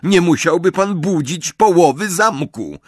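A man's voice: high voice, animated, measured pace, breathy edge, dry recording, studio quality, voice pushed up, exaggerated voice. Professor McGonagall, icy and stern, voiced by a man. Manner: cold, clipped, impatient. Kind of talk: audiobook character reading.

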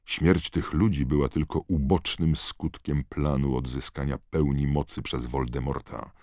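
A man voicing a wise old headmaster who speaks in a calm, grave, measured way. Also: very deep voice, no echo, studio quality.

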